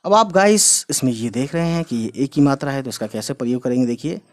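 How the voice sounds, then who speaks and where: A man's voice: mid-range voice, fairly quick. A man teaching how to write Urdu letters in a casual lesson, explaining step by step and repeating each sound, with fillers and English phrases mixed in.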